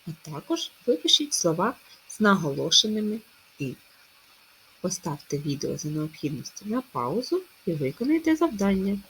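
Woman teacher stretching words out slowly. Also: on the low side, slight background noise. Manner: slow, stressed word-by-word dictation. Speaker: primary school teacher. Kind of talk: recorded remote lesson for children.

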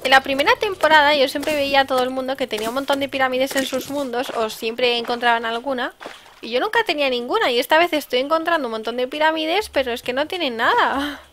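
A high, bright woman's voice with a Spain Spanish accent, commenting on gameplay in a chatty, excitable way. Faint game music plays behind her. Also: fast talker. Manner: chatty and excitable, with sudden exclamations. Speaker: let's-play host.

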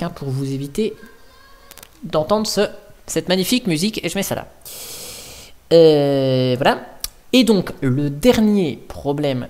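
A man's voice: a little high, darkish tone. A man hosting a casual screencast tech tutorial at his home computer, thinking aloud and chatting in informal slang.

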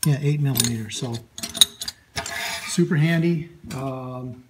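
Slow, halting man in a noisy workshop. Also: medium pitch. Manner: slow, halting, lots of ums and uhs. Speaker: workshop video host. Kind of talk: casual show-and-tell of tools. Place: indoor workshop at a metal bench. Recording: loud clatter of metal tools.

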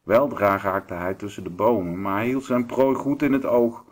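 A man's voice: on the low side, moderate pace. A man reading a children's book aloud, with occasional slips and restarts. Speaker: reader.

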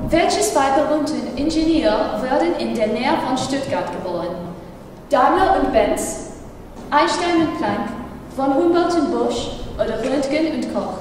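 A woman's voice: high-pitched, lively intonation, measured pace, noisy background. A teenage girl playing a quiz show host in a school sketch, announcing with formal game-show patter in German. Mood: upbeat. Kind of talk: acted game show hosting. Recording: echoey hall from a distance, music.

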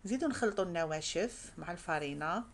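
A woman's voice: lowish voice, animated, fast talker. A woman with an Algerian Arabic accent hosting a cooking tutorial, talking viewers through each step in a friendly way and calling them sisters. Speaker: cooking channel host.

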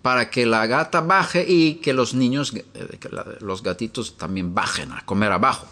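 A man's voice: mid-range voice, normal speed, pushed and bright. A man preaching in a teaching style from a room upstairs in his home. He asks many rhetorical questions and tells homely stories.

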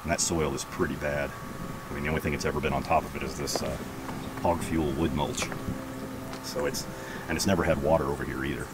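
A man in his thirties casually walking through his backyard garden, talking in a relaxed, rambling way with lots of fillers, filmed on a handheld camera outdoors. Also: very deep voice, brisk. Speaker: homesteading vlogger. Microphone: camera held at arm's length. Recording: outdoor background noise.

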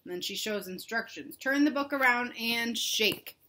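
The audio is poor, but a young woman's fairly high, sharp voice comes through at a moderate pace as she reads a picture book to young children. Working as a read-aloud host or teacher from a living room at home, she reads expressively and poses simple questions.

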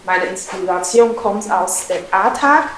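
A woman in her thirties from Taiwan, a ceramic designer explaining her work in careful, halting German with many fillers. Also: medium pitch, fairly bright tone, a little hiss or hum. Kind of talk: studio tour explanation. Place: indoor ceramics studio, small room. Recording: roomy studio echo.

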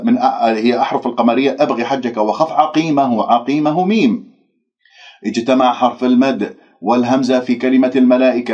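Male recitation tutor, mid-pitched. Drills sounds slowly, explains rules crisply. Muffled, lo-fi recording. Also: a little mellow. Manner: corrective, drills single syllables slowly, then explains rules briskly. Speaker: Quran recitation teacher. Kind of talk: pronunciation lesson. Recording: dull lo-fi recording.

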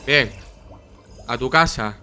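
A man's voice: medium pitch, takes it slowly, bright, forceful tone, faint music behind. A man with a Spain Spanish accent giving casual gameplay commentary, swearing often and chatting to viewers, his throat sore from coughing. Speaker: gameplay streamer.

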